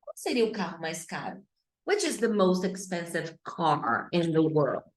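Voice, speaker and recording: Woman English teacher, lowish voice, unhurried and playful, echoey room. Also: very animated. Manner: chatty, playful, mixes Portuguese with English. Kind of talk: online English class.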